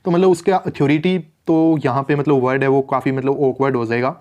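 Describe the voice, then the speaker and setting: A man coaching exam candidates in a conversational instructional video, mixing English terms into his speech and slowing down to spell out rules. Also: medium pitch, steady tone, darkish tone. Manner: slows right down to read out English rules. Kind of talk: instructional explainer.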